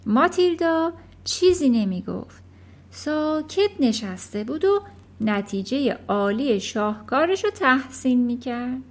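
Woman narrator for a kids' audiobook, expressive, high voice. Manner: expressive storytelling. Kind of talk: children's audiobook reading.

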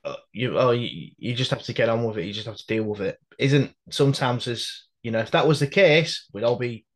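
A man's voice: medium pitch, expressive, fairly quick. A British man in casual conversation, talking in a hesitant, reflective way as he interviews a guest.

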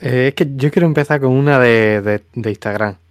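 A man's voice: mid-range voice, a little fast, clear, resonant tone, no room sound, studio quality. A man co-hosting a podcast, chatting casually and leading with questions. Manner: lively, asks the questions. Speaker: podcast co-host. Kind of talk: casual chat.

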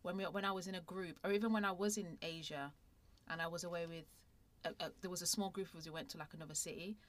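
Give me a woman with a Manchester accent in casual podcast chat, relaxed and rambling. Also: on the low side, fast talker. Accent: Northern English, Manchester.

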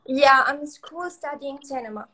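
Young Tunisian woman, Arabic speaker, high voice, hesitant English with lots of ums, online interview guest. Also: sharp tone, slight background noise, low-quality recording. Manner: halting non-native English with many fillers. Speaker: guest photographer.

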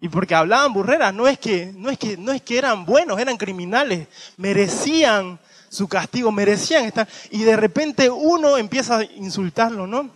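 In this sermon, a man with a high voice preaches animatedly, imitating thieves with slangy voices. When he reads scripture, he slows down and drops his voice low.

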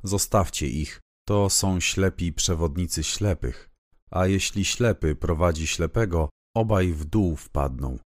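A man reading scripture aloud in a measured, even, solemn way. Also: deep voice, dry recording, studio quality. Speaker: Bible reader.

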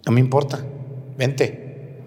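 A priest voicing God as an insistent, reassuring caller summoning Moses, recorded in a reverberant church. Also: male voice, mid-range voice, flat delivery, slow, mellow, slightly rough.

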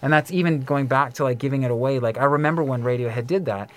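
A middle-aged man hosting a podcast in casual chat, an animated storyteller who fills his talk with "like" and "um" and acts out quoted voices. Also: medium pitch, fast talker. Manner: frequent fillers like "like" and "um". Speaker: podcast host.

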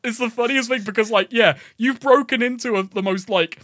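A man's voice: very high-pitched, fairly quick, fairly bright tone, no room sound, studio quality. A man co-hosting a casual gaming podcast, telling a story animatedly, swearing and laughing often. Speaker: podcast co-host.

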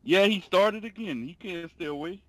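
A man's voice: sits high, normal speed, fairly bright tone, dry recording, low-quality recording. A man with a Louisiana Creole accent chatting casually and informally in local slang, as a co-host explaining expressions. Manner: slangy, informal, tells anecdotes. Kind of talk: casual chat.

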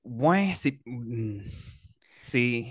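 A man in his thirties with a Quebec French accent, a hairstylist guest talking in a relaxed, hesitant way with fillers. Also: mid-range voice, extremely slow, husky, dry recording, studio quality. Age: 30s. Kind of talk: casual interview.

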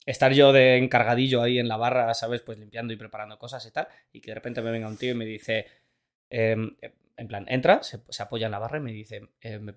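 Young man from Spain telling a rambling story. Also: mid-range voice. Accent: Spain Spanish. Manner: rambling storyteller, many fillers and restarts. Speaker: podcast co-host. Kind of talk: casual chat.

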